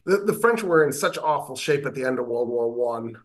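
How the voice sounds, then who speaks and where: American male professor, lively lecturer, dry humor, mid-pitch voice. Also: brisk. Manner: animated lecturing with wry asides. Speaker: professor of government. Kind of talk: interview explaining history.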